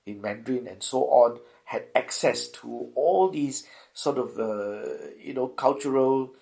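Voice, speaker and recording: A middle-aged man with a Singaporean accent speaks in an interview, his voice gravelly. He thinks aloud, restarting phrases and tagging points with "right?". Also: medium pitch, a little slow, warm tone. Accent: Singaporean English. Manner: thoughtful, many restarts and rhetorical "right?". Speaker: university lecturer, interviewee. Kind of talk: reflective interview answer.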